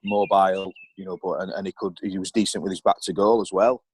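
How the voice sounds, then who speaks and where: A man's voice: low-pitched, fairly even intonation, fast, a little mellow, a little hiss or hum, poor audio. A middle-aged man, a former footballer and board member, candidly telling stories as a podcast guest, rambling with lots of ums and you knows.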